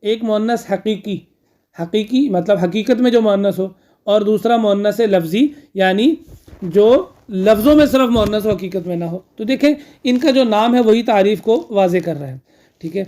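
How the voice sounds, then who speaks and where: A teacher explains grammar rules in a steady classroom lecture. Key terms are said twice. The teacher asks the class a question, then answers it, and often checks in with a quick filler. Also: mid-range voice.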